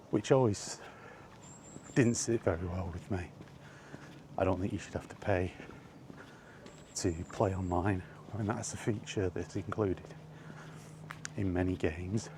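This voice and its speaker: A British vlogger walks through a park, rambling casually in a hesitant, mildly grumbling monologue. His deep voice is a little slow, with long pauses, and the recording is full of noisy outdoor ambience.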